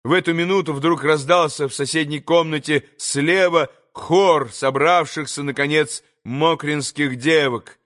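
A man narrating a classic novel aloud in a measured, dramatic reading style. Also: a little high, steady tone, fairly bright tone. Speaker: audiobook narrator.

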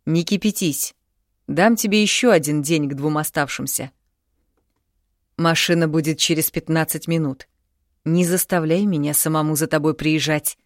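A woman's voice: sits low, moderate pace, no echo, clean studio sound, close to an everyday voice. Woman doing a curt, cool young man. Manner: terse, dismissive.

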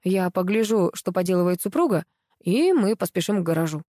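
A woman's voice: fairly low pitch, expressive, a little fast, mellow, no echo, clean studio sound. A woman reading the lines of a nervous, evasive young husband in an audiobook. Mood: flustered.

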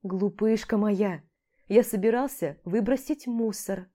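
A woman voicing a young man who gently coaxes and soothes his partner in a warm, mellow voice. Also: mid-range voice, animated, normal speed, close to an everyday voice. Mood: tender coaxing. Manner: tender, coaxing.

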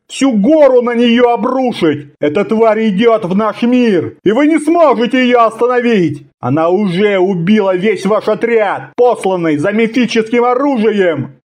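A man voicing a captive barbarian warrior in an audiobook, hoarse and snarling, shouting his warnings at a much higher pitch and volume than his narration. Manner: shouting furiously.

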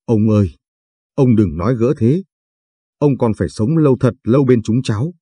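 A man's voice: mid-range voice, expressive, normal speed, warm tone, breathy edge, no room sound. A man voicing a young woman, a new doctor and devoted granddaughter who pleads affectionately with her grandfather. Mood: pleading.

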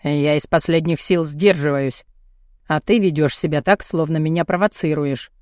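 A woman reading an audiobook and voicing a brash, crude, burly man with a husky, gruff voice and a teasing, swaggering manner. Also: low voice, normal speed, darkish tone, no room sound, clean studio sound, close to an everyday voice. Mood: strained.

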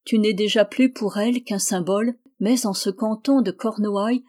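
Female audiobook narrator, mellow and warm in tone, measured literary reading. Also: mid-range voice, steady tone. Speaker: audiobook reader. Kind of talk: scripted narration.

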